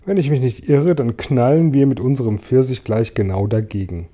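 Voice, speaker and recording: A man voicing a grumpy, sharp-tongued centipede in a storybook reading, snappish and sarcastic. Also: medium pitch, moderate pace, lightly acted.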